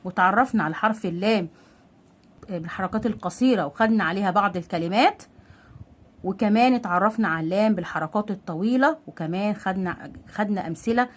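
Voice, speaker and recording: A woman with an Egyptian Arabic accent teaching a literacy lesson step by step. She stretches out syllables slowly and asks questions that she then answers herself. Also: mid-range voice. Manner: patient, drawn-out sounding out of syllables.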